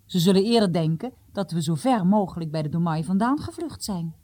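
A storyteller voicing a calm, cautious companion who murmurs his plans. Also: mid-range voice, brisk, natural voice.

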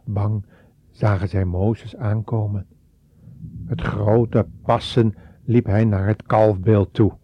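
Slow husky man telling a Bible story. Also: lowish voice, fairly even intonation, dry recording. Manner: slow, dramatic storytelling with raised voices for quotes. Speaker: narrator. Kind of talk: scripted Bible story narration. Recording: dull, lo-fi.

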